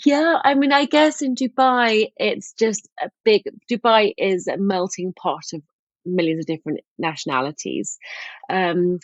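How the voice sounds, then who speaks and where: A woman's voice: mid-range voice, measured pace, no room sound, dull audio. A middle-aged woman from England, a guest author telling stories in a casual podcast interview, chatty with frequent ums.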